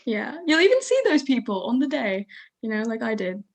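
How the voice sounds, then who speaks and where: A young woman hosts a casual video call, friendly and hesitant, with lots of ums. Her voice is fairly high, with a gravelly, fry-edged texture. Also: big pitch swings, brisk. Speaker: host.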